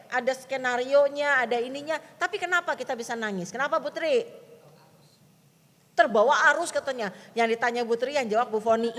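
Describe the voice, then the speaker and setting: Woman pastor, high voice, teasing chatty preaching, church hall with long reverb. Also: a bit bright. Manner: playful, asks the listeners questions, informal Jakarta slang. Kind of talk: chatty sermon to elderly congregation.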